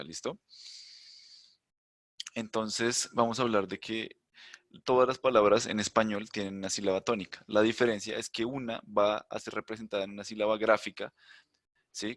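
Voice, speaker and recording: Teaching an online class over a video call, a man with a low voice speaks into a computer mic that gives a dry, close, slightly bright sound with no room sound. He explains step by step and keeps checking that students follow, asking "¿listo?" and "¿vale?". He also thinks aloud and hums while searching the screen.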